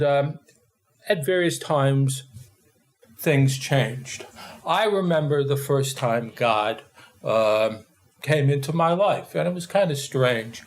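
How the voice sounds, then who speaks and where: Older man, new york accent, interview guest, halting storytelling, plenty of ums and uhs. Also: medium pitch. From Austria. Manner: halting, many fillers and restarts.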